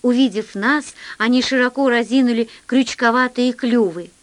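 Woman reading a story aloud, higher voice. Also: moderate pace. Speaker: audiobook reader. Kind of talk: scripted narration of a children's sci-fi story.

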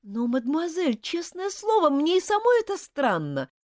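A flustered schoolgirl in a storybook, high-pitched and insistent, who begs to be believed, as a woman reading the tale puts her on. Her voice jumps up and down a lot. The sound is close and dry. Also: huge pitch swings, normal speed, dry recording, exaggerated voice. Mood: pleading. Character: earnest, flustered young schoolgirl. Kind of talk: audiobook character voice.

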